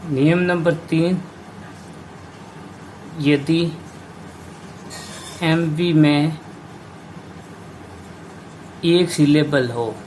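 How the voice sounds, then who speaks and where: A man teaching an English grammar lesson, slowly explaining rules and spelling out words letter by letter. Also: on the high side, a little mellow, slight background noise.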